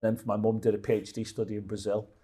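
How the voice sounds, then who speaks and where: Husky-voiced man telling rambling stories. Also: fairly low pitch, flat delivery, fast talker, dark tone. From Liverpool, England. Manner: rambling storytelling with frequent restarts. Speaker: guest. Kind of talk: casual conversational interview.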